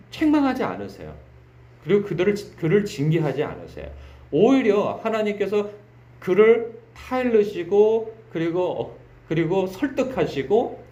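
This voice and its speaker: A male pastor delivers an early-morning sermon in a high, animated voice that swings widely in pitch. He presses his points with rhetorical questions and acts out dramatic laments. The room gives his voice a noticeable echo.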